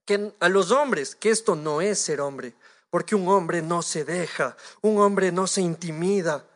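High-voiced Ecuadorian preacher, animated. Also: male voice, measured pace. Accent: Ecuadorian Spanish. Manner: animated, acts out imagined dialogues with God. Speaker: pastor. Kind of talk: sermon.

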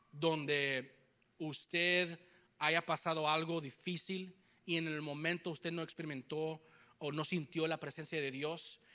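A young man preaching a sermon to a congregation, telling a personal story with animated delivery and English phrases mixed in. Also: on the high side. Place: church hall with congregation.

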